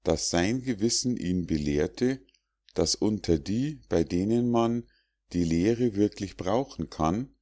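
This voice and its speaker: Deep, slow-reading male narrator. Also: animated, dark tone. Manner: measured, recitative verse reading. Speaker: audiobook narrator. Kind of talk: scripted narration of rhymed fables.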